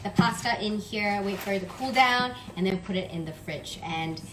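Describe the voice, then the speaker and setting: A woman's voice: medium pitch, normal speed, echoey room, distant mic, background noise. A woman chatting casually in a home kitchen while reading out viewer questions. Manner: chatty, reads viewer comments aloud. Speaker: co-host. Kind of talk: casual live chat.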